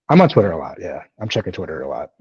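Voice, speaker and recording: A man's voice: rumbling low, sing-song, fast talker, a little mellow, slightly rough, no room sound, highs cut off. A man in his early thirties co-hosting a podcast, chatting casually in a rambling, self-deprecating way with lots of fillers and restarts. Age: 30s. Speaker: podcast co-host. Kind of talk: casual chat.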